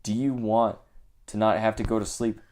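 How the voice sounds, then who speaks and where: A man co-hosting a comedy podcast, playing the deadpan sidekick who eggs his partner on with flat agreement. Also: on the low side, moderate pace, a little hiss or hum. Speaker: podcast co-host. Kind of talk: improvised comedic podcast banter.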